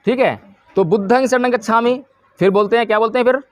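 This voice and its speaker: High-voiced man preaching dhamma. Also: fast talker. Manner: asks the listeners questions and answers them himself. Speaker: Buddhist preacher. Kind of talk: dhamma talk to a village gathering.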